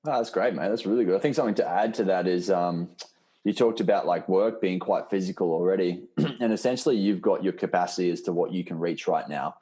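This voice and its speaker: A man with a deep, warm voice and a breathy edge talks quickly as he hosts a casual group call on a live online video chat. As a fitness program coach, he sounds encouraging, reassuring and informal.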